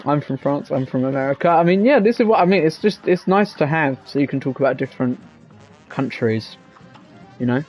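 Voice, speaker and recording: A man's voice: on the high side, expressive, brisk, darkish tone. A man, live-streaming a game and chatting casually, rambling as he reads out chat messages. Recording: slightly dull lo-fi mic with faint game music.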